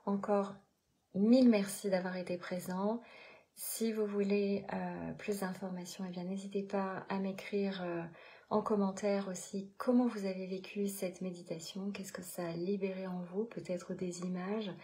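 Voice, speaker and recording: A woman's voice: mid-range voice, level tone, measured pace, dark tone. A woman meditation coach and channel host, talking casually and encouragingly to her live audience after a guided meditation, with many hesitations and restarts.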